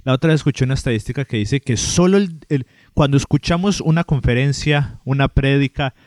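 A man with a Colombian accent co-hosting a podcast, speaking calmly and reflectively in casual conversation. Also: mid-range voice, brisk, no room sound, studio quality. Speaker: podcast co-host. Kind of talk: casual chat.

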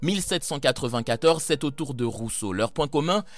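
A man's voice: medium pitch, animated, fairly quick. A man reading scripted documentary narration as the narrator.

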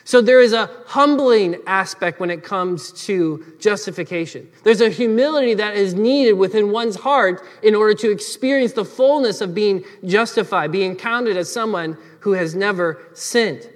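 A man preaching a sermon as pastor, earnest, often dropping to soft emphatic phrases. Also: sits high, normal speed, hardly any pauses, big-room sound.

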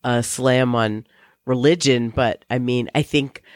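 Co-host: mid-pitched, easygoing and joking, dry close mic. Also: a little slow, no room sound. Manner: relaxed, reflective, joking. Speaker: podcast co-host. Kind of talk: casual chat.

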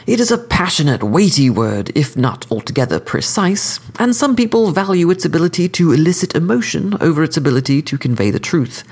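A smug, sophisticated hitman holds forth in a cordial, lecturing tone, as a male storyteller puts him on. His voice rides high above the narrator's usual register, with a gravelly edge and an unhurried, precise delivery. He sounds courteous while describing grim deeds. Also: big pitch swings, darkish tone, heavily acted. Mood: cordially smug.

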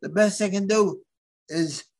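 A man from the Philadelphia area, a guest in an interview, speaking haltingly with many restarts as he searches for words. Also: high-pitched. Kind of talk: interview conversation.

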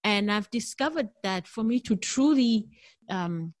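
In a conversational interview, a middle-aged South African jazz singer who isn't a native English speaker talks candidly and thoughtfully, laughing easily. Her medium-pitched voice has lively intonation and an unhurried pace, and the recording is dry.

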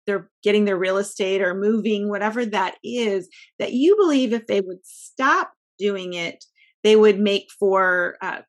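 A woman co-host of a podcast interview responds to her guest with encouragement and warmth in her words. She then frames a question. Her voice sits at a middle pitch. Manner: encouraging and affirming, with small restarts. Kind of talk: interview hosting.

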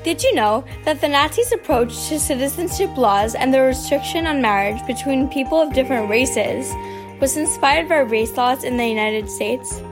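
A woman's voice: high voice, expressive, normal speed, music in the background. A woman hosting a podcast, asking short, plain interview questions.

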